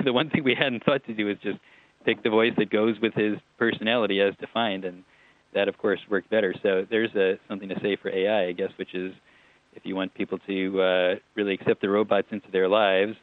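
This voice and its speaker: This guest, a TV writer-producer with a voice on the low side, chats about a show he made in a relaxed interview. He digresses, laughs a little and restarts sentences. It's a dry recording over a tinny phone line.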